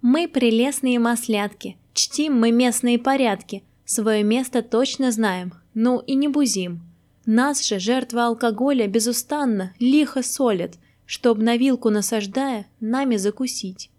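A chorus of smug little storybook mushrooms chanting a slow, bouncing sing-song rhyme, as a woman reader puts them on. Slightly raised pitch, deliberate and rhythmic. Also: a little mellow, natural voice.

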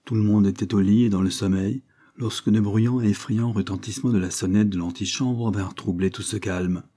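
A man reading a novel aloud as an audiobook narrator, in a measured, even way. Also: lowish voice. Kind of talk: scripted narration.

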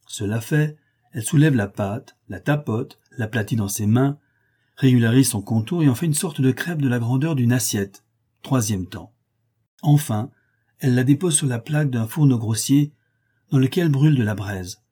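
Male audiobook narrator, measured reading, dark husky tone. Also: medium pitch.

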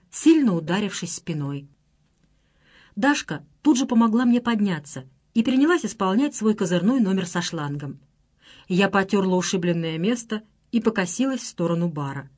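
A woman reads an audiobook chapter in the first person. Her delivery is even and measured, with a mid-range voice. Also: medium pitch. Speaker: audiobook narrator. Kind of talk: scripted first-person narration.

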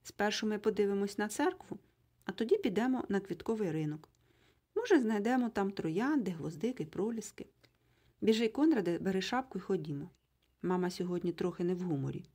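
A woman reading the part of a timid middle-aged father who stammers and pleads, in a husky voice with a lively rise and fall. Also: mid-range voice, a little fast. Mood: coaxing.

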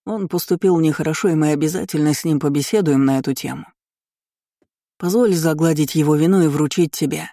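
A man's voice: fairly high pitch, brisk, mellow, no echo, studio quality, lightly acted. A man doing a stammering flustered nobleman. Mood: stiff formal. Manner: stammering, then barking orders.

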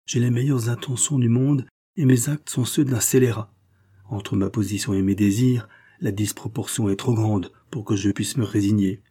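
Reading aloud at a moderate pace, a man with a low, warm voice edged with breathiness plays a remorseful young man who heatedly confesses his faults to his mother, emotional and blaming himself.

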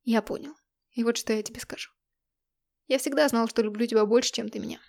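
A wounded, jealous young man talking with visible effort, earnest and strained, as a woman narrator voices him. He is a figure in a romantic audiobook, his voice kept fairly high. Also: fairly even intonation, fast, gravelly, a little mellow. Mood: hurt.

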